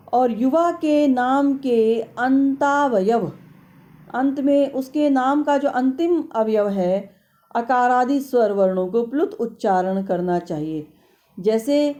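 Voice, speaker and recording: Slow, mellow-voiced woman lecturer. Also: fairly high pitch. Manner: slow, deliberate explaining, drawing out vowels to demonstrate. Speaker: Sanskrit lecturer.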